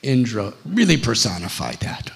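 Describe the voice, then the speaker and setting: A man's voice: medium pitch, big pitch swings, vocal fry, slightly rough. A man, a spiritual teacher, telling a sacred story in a sermon, emphatic and dramatic. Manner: slow, emphatic and dramatic, with laughter. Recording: long hall reverb.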